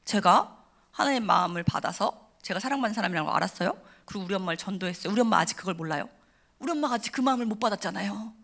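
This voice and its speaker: A woman telling an emotional personal story at a church service, animated and acting out the voices of the people in it. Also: medium pitch, rapid-fire, creaky. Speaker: testimony speaker at a church service. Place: church sanctuary.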